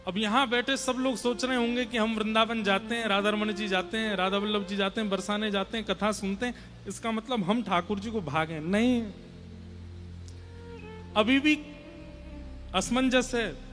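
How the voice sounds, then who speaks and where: High-voiced man preaching a devotional sermon. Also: moderate pace, a bit bright, soft background music. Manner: earnest, urges listeners to listen closely. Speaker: kathavachak preacher. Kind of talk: devotional sermon with chanted Sanskrit verses. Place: large hall before a seated audience.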